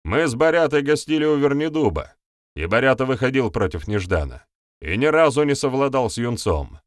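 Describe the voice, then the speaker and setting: A man's voice: mid-range voice, sing-song, fairly quick, dry recording, studio quality, pitched above the performer's own voice, lightly acted. A man voicing an eager male villager insisting on what he witnessed. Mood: insistent. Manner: insistent, raised voice.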